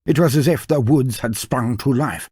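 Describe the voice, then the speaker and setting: A man narrating fantasy lore videos gives scripted storytelling that is theatrical and grandiose. His mid-range voice is mellow and slightly rough at normal speed, recorded without echo over background music.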